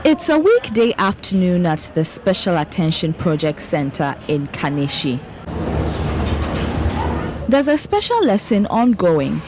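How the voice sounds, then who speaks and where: Lively Ghanaian-accented woman news presenter. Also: fairly low pitch, unhurried, very noisy. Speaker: presenter and reporter. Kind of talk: scripted news narration.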